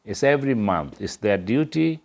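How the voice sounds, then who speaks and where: A man's voice: on the low side, lively intonation, moderate pace, creaky, darkish tone. A middle-aged man from Bangladesh, speaking earnestly in as an interview guest. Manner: earnest, plain-spoken, non-native English grammar. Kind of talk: interview answers.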